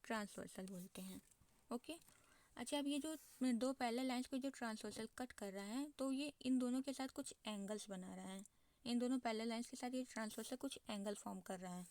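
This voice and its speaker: High-voiced woman teaching maths. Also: a little fast, darkish tone, no room sound. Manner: asks and answers her own questions, checking with "ठीक है". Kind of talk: explaining a lesson at a board.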